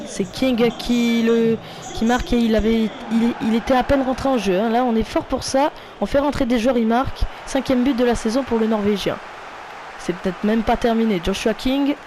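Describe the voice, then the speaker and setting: A gaming YouTuber with a French accent commentates on his football video game in a casual play-by-play, shouting player names and getting loud at each goal. His voice is very high-pitched, with noise in the background.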